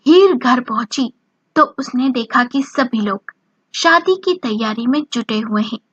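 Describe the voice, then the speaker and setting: A woman narrating a romance story in a slow, even reading voice, lightly voicing the dialogue. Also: fairly high pitch, slightly rough, no room sound. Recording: dull lo-fi dry recording.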